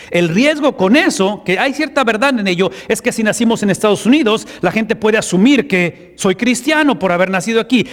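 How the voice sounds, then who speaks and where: A man with a notably high voice delivers a sermon, pressing his points with rhetorical questions to the congregation. His voice rings with a long reverb from a large church hall. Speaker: pastor.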